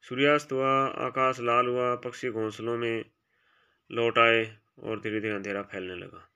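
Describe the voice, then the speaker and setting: Man teaching a bright, crisp grammar lesson. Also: fairly even intonation, unhurried. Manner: reads each quiz option aloud, then briefly marks it right or wrong; drops quieter and lower for short asides. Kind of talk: exam-prep grammar lesson.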